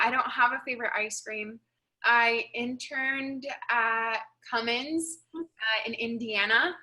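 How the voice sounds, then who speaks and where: A woman's voice: a little high, bright, forceful tone, low-quality recording. A young woman from Palestine introducing herself on a webinar panel, hesitant. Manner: slow, hesitant.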